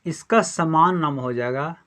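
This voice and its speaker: A man's voice: on the high side, unhurried, bright, forceful tone. A male chemistry teacher lecturing a class, who keeps asking questions and answering them himself and repeats the key terms again and again.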